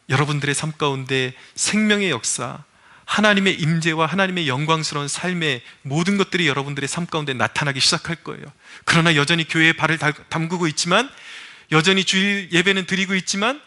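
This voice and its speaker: Male pastor, high and bright-edged, exhorting sermon delivery. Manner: fervent, exhorting, repeatedly addresses the congregation. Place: church service.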